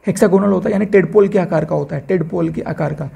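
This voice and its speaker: A man teaching a biology lesson at a quick clip in a high, heavily gravelly voice. He keeps repeating key terms and throws questions to the class before answering them himself. The tone is husky and mellow rather than bright. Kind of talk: exam-prep biology lecture.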